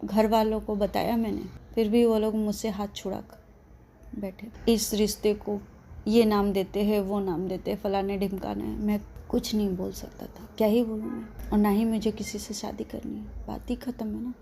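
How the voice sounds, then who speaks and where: A woman's voice: medium pitch, little pitch movement, moderate pace, gravelly, warm tone, slight background noise, close to an everyday voice. A woman voicing a weary, resigned young man. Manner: subdued, resigned.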